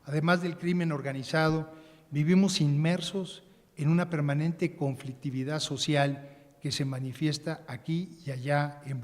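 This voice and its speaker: A man's voice: a little high, a little mellow. Man reading a formal speech. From Mexico. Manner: measured, reading a prepared text, some restarts. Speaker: panelist. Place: large conference hall. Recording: conference hall with long reverb.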